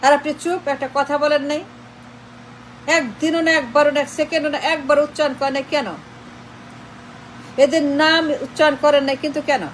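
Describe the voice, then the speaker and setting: A woman's voice: high-pitched, steady tone, a little fast, long pauses, slight background noise, low-quality recording. A woman delivering an impassioned political monologue, firing repeated rhetorical questions and switching between Bengali and English. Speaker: political commentator.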